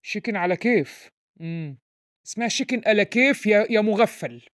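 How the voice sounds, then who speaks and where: In a comedy sketch, a woman plays a blustering, pompous father with an Egyptian Arabic accent who insults his son while tutoring him and mangles English words. Her medium-pitched voice is animated, at normal speed, and sounds natural.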